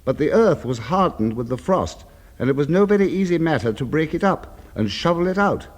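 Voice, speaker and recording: A man's voice: fairly high pitch, expressive, fairly quick. A man narrating a scripted story in a dramatic, suspenseful, theatrical way. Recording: long reverberant echo.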